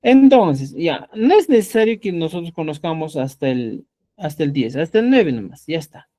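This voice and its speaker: Lively teacher quizzing his class. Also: on the high side, moderate pace. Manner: lively, repeats "ya" and quizzes students. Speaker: Quechua teacher. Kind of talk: live online class.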